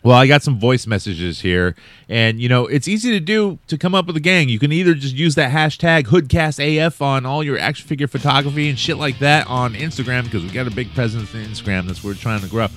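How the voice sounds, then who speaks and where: A man's voice: mid-range voice, fairly quick, soft background music. A man hosting a comedy podcast, joking and laughing in loose casual banter. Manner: joking, animated, laughs often. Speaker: podcast host.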